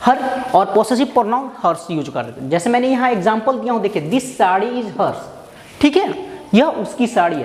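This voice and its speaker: Male grammar teacher for a recorded lesson. Quizzes the viewer, then answers himself, and reads examples slowly. Recorded in a roomy space with a long reverb tail. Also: high voice.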